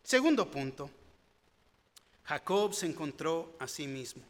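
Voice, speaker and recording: A man's voice: fairly high pitch, big pitch swings, a little slow. A man preaching a sermon, earnest and rising into fervent pleading. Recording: long hall reverb.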